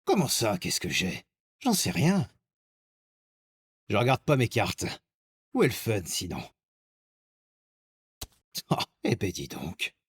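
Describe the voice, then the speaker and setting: A man playing a reckless, laid-back cartoon gambler with a husky, breathy voice and an offhand manner. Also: lowish voice, huge pitch swings, exaggerated voice. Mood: carefree. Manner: slow, offhand, unbothered. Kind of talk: animated cartoon dialogue.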